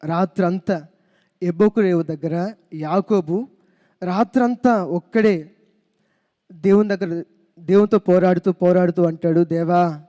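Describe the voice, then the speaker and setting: A man preaching a sermon in a high voice, telling his story with animation and calling out hallelujah. His words ring through an echoey church hall. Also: unhurried, long pauses, mellow. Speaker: pastor.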